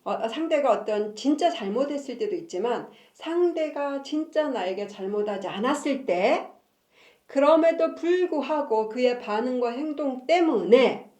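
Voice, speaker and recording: A woman's voice: high-pitched, lively intonation, a little slow, warm tone. A woman who hosts a family-counseling channel, chatting casually about marriage and reading from her own book, laughing often between sentences. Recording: echoey room.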